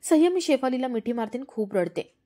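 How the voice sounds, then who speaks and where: A woman narrating a television serial recap in a steady storytelling voice. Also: high-pitched, fairly quick.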